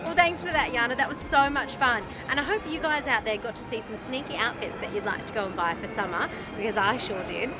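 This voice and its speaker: A woman's voice: fairly high pitch, fairly quick, few pauses. A chirpy woman hosting a show and presenting to camera outdoors. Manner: chirpy, upbeat. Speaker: show host. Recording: loud music behind.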